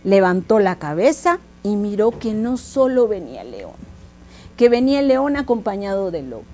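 A woman with a Mexican accent telling a children's story, lively, making sound effects and speaking straight to the listeners. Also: medium pitch, moderate pace. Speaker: storyteller host.

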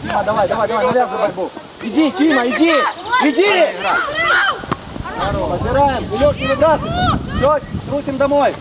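Outdoors on the touchline of a football pitch, a man coaches a youth match, shouting urgent, clipped, repetitive instructions and calling players' names. His voice is extremely high-pitched with lively intonation, normal speed, and long pauses. The distant mic picks up windy outdoor noise, and the recording is loud and rough.

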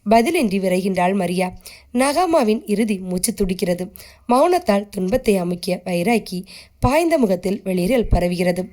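A woman reads a short story aloud in a mid-range voice at normal speed. Her narration is steady and scripted, and the characters stay close to her own voice.

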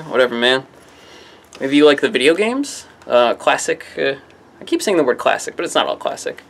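A man from a comic shop casually running through new comics to camera, rambling and offhand, with jokey self-mocking asides. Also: medium pitch. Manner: rambling, offhand, often trailing into "I don't know". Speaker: comic shop staff presenting new releases. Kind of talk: casual product rundown to camera.

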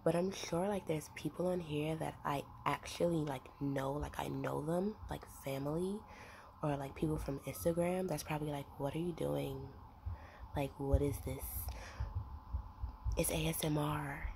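A young woman rambling in a soft, half-whispered ASMR voice while chewing gum, with lots of fillers, close to the mic. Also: deep voice, steady tone, normal speed, gravelly, a little hiss or hum. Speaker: ASMR creator.

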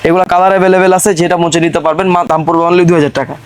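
A Bangladeshi man working as a shop seller, giving a hard-sell pitch in insistent, repetitive patter. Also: level tone, very fast, clean tone, no room sound. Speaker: shop seller presenting products.

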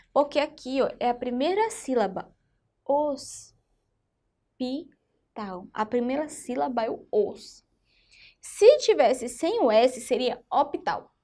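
A woman's voice: high voice, a little mellow. A woman teaching a phonics lesson to young children in Brazilian Portuguese. She is patient and keeps asking the class if they follow. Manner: patient, checks in with "tá vendo?" and "certinho?". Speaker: primary school teacher.

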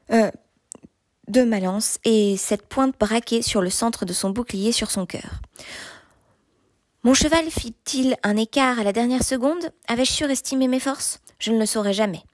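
A woman narrating a novel in the first person, with steady, measured storytelling. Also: a little high, no echo, studio quality. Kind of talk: audiobook reading of a novel.

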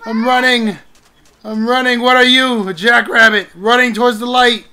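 A woman's voice: fairly high pitch, steady tone, moderate pace, sharp tone. A woman hosting a let's play, narrating her own moves with panicky yelps when chased. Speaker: gaming channel host.

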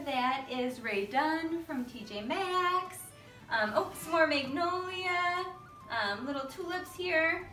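A woman's voice: sits high, fairly bright tone. A woman in her thirties giving a casual house tour in a chatty, gushing show-and-tell manner, recorded in a room at some distance from the camera. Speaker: home decor vlogger giving a house tour. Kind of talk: casual home tour narration. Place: living and dining rooms of a house. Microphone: camera a few metres away. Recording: roomy, distant camera mic, music behind.

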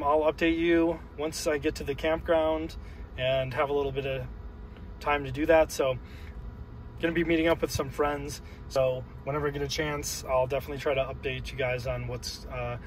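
A man's voice: medium pitch, poor audio. A man casually narrating his road trip from inside his car, rambling with lots of fillers. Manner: relaxed, rambling, many fillers. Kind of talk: casual narration while driving and charging.

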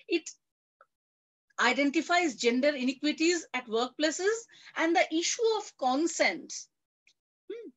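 A middle-aged woman giving an academic lecture, halting often with fillers and restarts. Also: sits high, fairly bright tone, rough recording. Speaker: guest lecturer.

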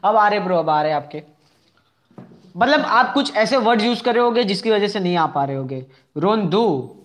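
A man's voice: high-pitched, expressive, moderate pace, fairly bright tone. A young man hosting a casual live game stream, chatting with viewers, repeating himself and asking for likes. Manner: chatty, answers viewers' chat messages one by one.

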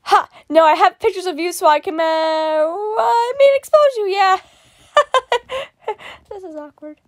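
A woman casually reacting to fan art, excitable and giggly, gasping and exclaiming often. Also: extremely high pitch, normal speed, dry recording.

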